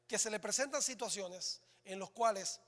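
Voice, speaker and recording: A male pastor preaching a sermon in a church, dramatic, swinging between loud exclamations and hushed lines. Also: sits high, normal speed. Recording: reverberant church hall.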